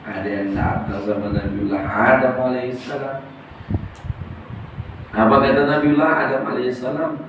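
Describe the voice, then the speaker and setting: A man preaching at a religious study gathering, telling stories in an animated way and joking with the audience. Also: medium pitch, normal speed, pauses often. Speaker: preacher teaching a religious text. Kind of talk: storytelling sermon at a study gathering. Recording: echoey hall, mic far off, ambient noise.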